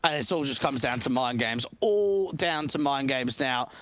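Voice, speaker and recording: A man giving color commentary on a live esports match, conversational and animated, breaking off and restarting thoughts. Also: medium pitch, moderate pace, noisy background. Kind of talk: analytical commentary.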